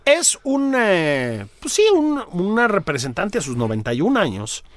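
A man's voice: high voice, big pitch swings, unhurried, no echo. A man with a Mexican accent in casual political chat, sarcastic and joking, laughing often. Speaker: political commentator.

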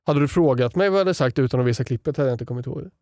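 A man's voice: medium pitch, dry recording, clean studio sound. A young man co-hosting a Swedish podcast, playful and jokey in casual chat. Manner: playful, quick to shout and laugh. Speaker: podcast co-host.

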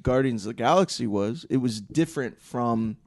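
A man speaks as a panelist in a relaxed film talk. His pitch is average and he tends to hesitate while hunting for words. The sound is dry, with very little room on it. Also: moderate pace, dry recording. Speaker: podcast panelist. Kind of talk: casual film discussion.

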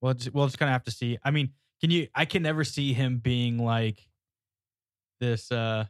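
A man talking casually on a sports podcast, prone to laughter and restarts. His voice sits at an everyday pitch. The sound is dry and close, with no room around it. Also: steady tone, normal speed, clear, resonant tone, dry recording. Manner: chatty, laughs often, repeats words. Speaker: podcast co-host.

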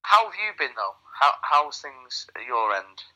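A man's voice: medium pitch, very animated, measured pace, loud music behind the voice. A man with a cold, heard through a phone speaker, rambling and joking crudely in casual chat. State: has a cold. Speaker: podcast co-host. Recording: phone call played on speakerphone.

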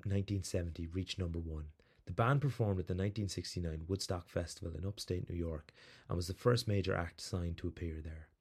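Low-voiced man telling a story. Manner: rambling, animated, lots of fillers. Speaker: podcast host. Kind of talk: casual storytelling monologue.

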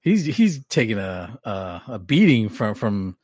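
Male podcast co-host, laid-back, halting, amused delivery; dry close recording. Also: on the low side, big pitch swings, a little mellow, dry recording. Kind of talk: casual chat.

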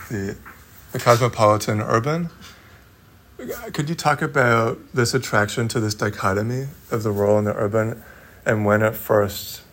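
Gravelly-voiced male podcast host. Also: fairly low pitch, fairly bright tone, a little hiss or hum. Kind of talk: scripted intro then interview questions.

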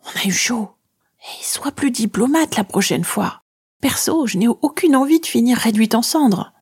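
A woman voicing a girl's cheeky, sharp-tongued talking shadow in a whispered role-play, teasing in hushed, higher asides. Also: moderate pace, slightly rough, no echo, clean studio sound. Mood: relieved.

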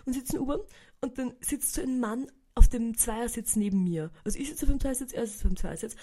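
Young Viennese woman, podcast host, slightly high voice, chatty storyteller who talks straight to listeners, mixes English slang. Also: quick pace, dark tone. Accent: Viennese Austrian German. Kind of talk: casual storytelling monologue.

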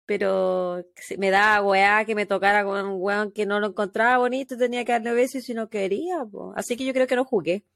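A woman's voice: mid-range voice, steady tone, brisk, vocal fry, few pauses, no echo, clean studio sound. A woman with a Chilean accent, co-hosting a podcast, teasing and laughing in slangy casual chat. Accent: Chilean Spanish. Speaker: podcast co-host.

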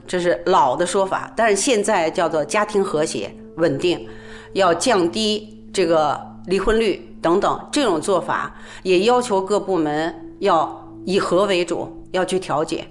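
A woman's voice: on the low side, a little slow, soft background music. A woman who trains people on domestic violence, explaining her views earnestly in an interview, with frequent hesitant fillers.

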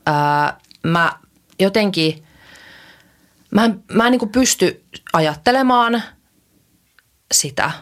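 A woman co-hosting a podcast in casual chat, often hesitant, trailing off and restarting, then animated. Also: medium pitch, long pauses. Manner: animated, lively. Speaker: podcast co-host.

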